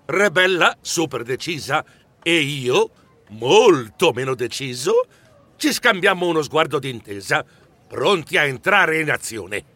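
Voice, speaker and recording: A man narrating a children's audiobook in first person, animated and a little jittery. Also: a little high, a little slow, dry recording.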